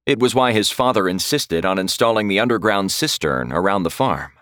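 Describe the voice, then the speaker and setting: A man reading a horror story aloud in slow, dramatic scripted narration. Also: fairly low pitch, expressive, a bit bright, no room sound, clean studio sound.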